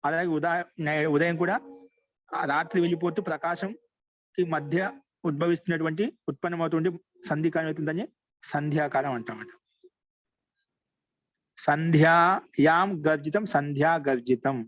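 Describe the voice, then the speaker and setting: A man teaching Sanskrit grammar in an online class, explaining in short phrases and repeating each example slowly. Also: a little high, low-quality recording.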